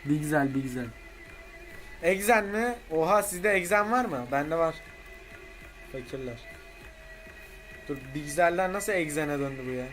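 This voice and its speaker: A young man streaming a game live, swearing a lot and shouting repeated chants to rally his viewers. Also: a little high, normal speed, long pauses, soft background music.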